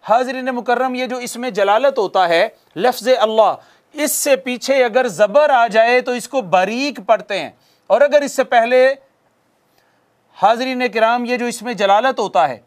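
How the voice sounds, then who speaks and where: A man teaching a tajweed lesson, patiently explaining pronunciation and drawing out recited words for students to repeat. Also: very high voice. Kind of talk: slow spoken tajweed lesson with recited examples.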